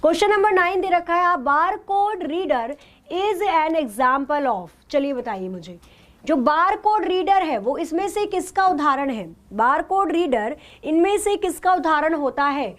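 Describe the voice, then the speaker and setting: A woman's voice: very high voice, expressive, measured pace. A woman teacher taking a live online class, asking questions and then answering them herself, with English terms mixed into her talk.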